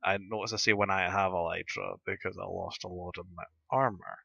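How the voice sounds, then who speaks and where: A Scottish man with a gruff, sore-throated voice, hosting a casual gaming video and rambling as he thinks aloud. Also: sits low, steady tone, fairly quick, pushed and bright, no room sound, dull audio. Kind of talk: casual Minecraft let's-play commentary.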